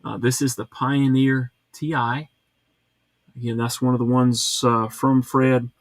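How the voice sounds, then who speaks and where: A man's voice: medium pitch, level tone, a little slow, dry recording. A man hosting a casual live chat, reading out viewer comments and rambling along with plenty of fillers and restarts from home.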